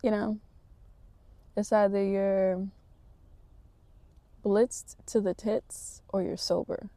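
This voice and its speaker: Woman, casual vlog, reflective motivational rambling, dark mellow voice. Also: medium pitch, no echo. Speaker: vlogger. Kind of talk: casual talking-to-camera vlog.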